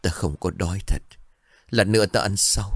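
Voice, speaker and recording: A man's voice: fairly low pitch, animated, normal speed, no room sound. A man voicing a grieving old father. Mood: weary. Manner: anguished, then weary and self-blaming. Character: grieving elderly village father, stubborn.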